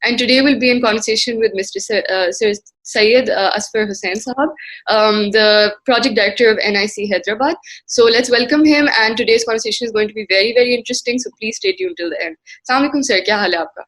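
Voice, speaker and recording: A woman's voice: fairly high pitch, fast, fairly bright tone. A woman with a Pakistani accent hosting an interview, polite and conversational, switching between two languages. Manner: polite, code-switches between English and Urdu. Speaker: interview host.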